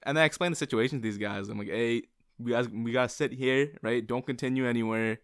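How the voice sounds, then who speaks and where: A man's voice: medium pitch, fast, clear, resonant tone, no room sound, studio quality. A man co-hosting a podcast, telling a story in casual chat and laughing often as he goes. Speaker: podcast co-host.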